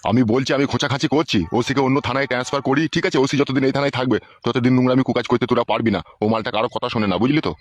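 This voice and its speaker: A man's voice: mid-range voice, steady tone, rapid-fire, hardly any pauses, natural voice. A man voicing a scheming, corrupt middle-aged politician in a cartoon, bossy and lecturing.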